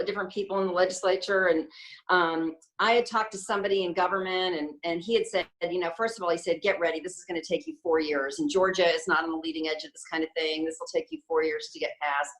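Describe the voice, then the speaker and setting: Woman at a conference telling how it went, lowish voice, plain and steady. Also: fast, poor audio. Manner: plain narrative, quotes others. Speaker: conference speaker. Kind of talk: recounting events at a talk.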